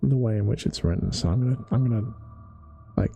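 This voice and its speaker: A man reading a book aloud as a bedtime-story ASMR storyteller, talking in a soft, relaxed, self-deprecating way. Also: medium pitch, a little fast, gravelly, a little hiss or hum.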